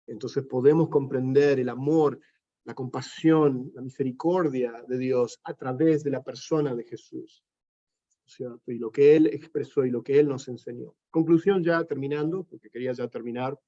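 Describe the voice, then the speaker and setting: A man's voice: medium pitch, warm tone, dull audio. A man teaching a Bible study as a pastor, talking in a loose conversational way with frequent fillers and "¿no es cierto?".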